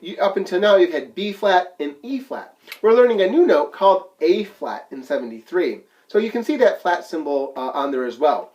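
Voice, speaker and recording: A man's voice: sits high, animated, normal speed, darkish tone. A man teaching a flute lesson, counting beats aloud and explaining each musical term plainly. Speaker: band teacher.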